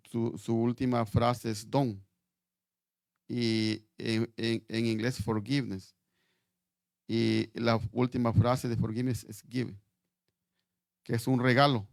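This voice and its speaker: Gravelly-voiced man preaching a sermon. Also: mid-range voice, level tone, no room sound, clean studio sound. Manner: halting, repeats words while reading scripture aloud.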